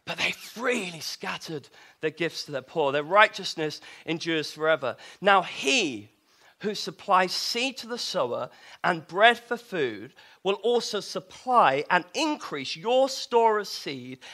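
A man's voice: fairly high pitch, sharp tone. A man preaching a sermon in a conversational way, asking the congregation rhetorical questions.

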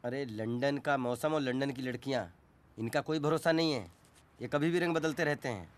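A man's voice: mid-range voice, normal speed, close to an everyday voice. An actor playing a chatty taxi driver in a comedy film who teases and chuckles as he gives advice. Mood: teasing. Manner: teasing, chuckling, sly.

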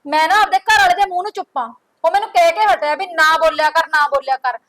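A sister-in-law, acted by a woman, trying to keep the peace while standing her ground. Her voice is very high and her speech is quick. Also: a bit bright, low-quality recording. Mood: firm. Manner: reasoning, firm. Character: calm but firm sister-in-law keeping the peace.

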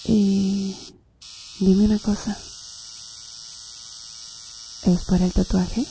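In a Spanish-language ASMR roleplay, a woman plays a flirtatious, teasing tattoo artist, murmuring breathily and seductively to the listener in an intimate mood. Her mid-range voice is dark-toned, flat and very slow, on a low-quality recording with slight background noise.

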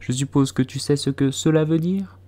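A man voicing a self-important mouse lecturing loudly in a storybook reading. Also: on the high side, normal speed, pitched above the performer's own voice, lightly acted. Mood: pompous. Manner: haughty, lecturing, loud.

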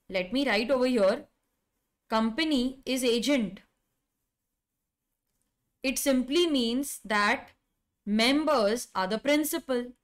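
A middle-aged law teacher with an Indian accent and a slightly high voice leads a live online class. With emphatic delivery, she repeats important phrases and quizzes her students.

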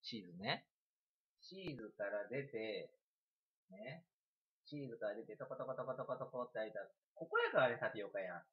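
Lively Kansai man rambling on stream. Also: mid-range voice, normal speed, dull audio. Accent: Kansai Japanese. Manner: chatty, animated, giggling asides. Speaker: livestreamer. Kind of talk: casual rambling storytelling.

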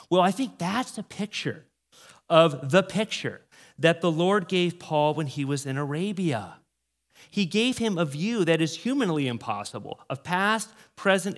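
A middle-aged American man preaching a sermon from a church stage into a handheld mic, telling stories with animated emphasis on key words. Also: on the high side. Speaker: pastor.

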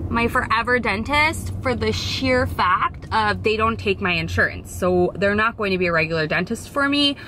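A vlogger in her thirties with a fairly high voice chats casually to a dashboard camera from her parked car, with background noise in the car interior. She talks through her nerves in a chatty, self-deprecating way, quoting herself and the people around her.

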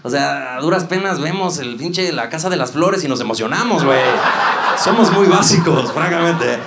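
Crude, mocking Mexican comedian. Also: male voice, fairly high pitch, lively intonation, normal speed, echoey room, very noisy. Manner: crude, mocking, shouting punchlines to a laughing crowd. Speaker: stand-up comedian. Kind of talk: live stand-up comedy. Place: comedy club stage.

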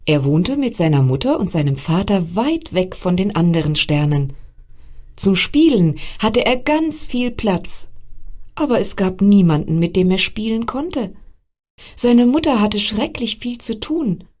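A woman reading a bedtime story for children aloud, speaking to them directly with expressive storytelling. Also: mid-range voice, unhurried.

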